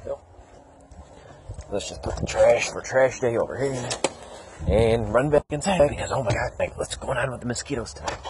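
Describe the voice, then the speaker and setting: In a very noisy recording, a young man with a medium-pitched voice talks at normal speed but pauses often. He's at home indoors making a casual vlog, chatting to the camera and his dog, rambling and teasing the dog in a self-mocking way.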